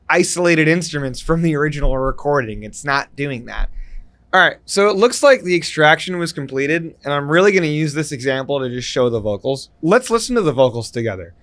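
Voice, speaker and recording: High-voiced man ranting about music. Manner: animated, ranting, repeats himself. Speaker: music YouTuber. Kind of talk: casual explainer rant to camera.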